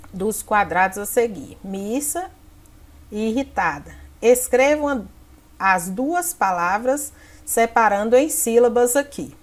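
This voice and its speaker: A woman teacher from Brazil with a slightly high voice walks young pupils through a workbook. She explains each task patiently, step by step, pointing things out on the page as she goes. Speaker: primary school teacher. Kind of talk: explaining textbook activities to children.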